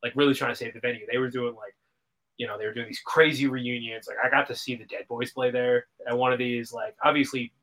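A man in his thirties, a band member guest, telling stories in an animated way full of "like" and "man". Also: medium pitch, quick pace. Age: 30s. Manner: animated storyteller, lots of "like" and "man". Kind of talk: casual chat.

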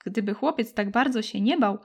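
A woman's voice: on the high side, moderate pace, slightly rough. Woman narrating a children's story. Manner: gentle, expressive reading. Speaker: audiobook narrator.

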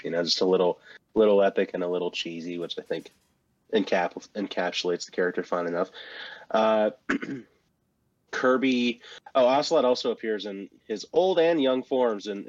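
A man co-hosting a casual chat, walking through a game character's moves in a relaxed, rambling way with many ums and restarts. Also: on the low side, dry recording, muffled recording. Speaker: co-host presenting a game moveset. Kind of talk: casual chat about video games.

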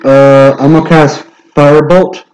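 A man's voice: on the high side, steady tone, a little slow, a little mellow, reverberant, muffled recording, faint music behind. A man playing a tabletop game who jokes around in a playful, easy way. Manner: joking and playful. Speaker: player.

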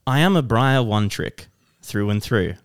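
A man's voice: medium pitch, lively intonation, measured pace, clear, resonant tone, no echo, clean studio sound. A man putting on a bratty gloating kid reciting rhymes. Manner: sing-song rhyming recital. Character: bratty little boy card player, smug.

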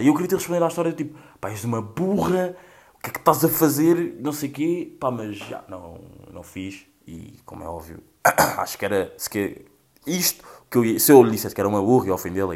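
A young man with a European Portuguese accent, hosting a casual commentary and ranting with profanity and mockery. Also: lowish voice. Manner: profane, rambling, mocking. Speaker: host reacting to social media clips.

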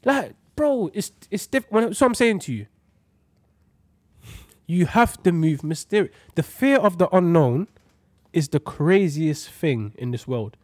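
Young london roadman guy chatting in slang, voice a bit high and all over the place, close dry sound. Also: a little slow, no room sound. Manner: animated, emphatic, repeats points for effect. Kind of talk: casual chat with slang.

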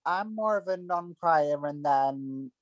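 Low-voiced woman podcast co-host. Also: slow, lo-fi sound. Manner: chatty, wraps up the episode with show plugs. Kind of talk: casual chat.

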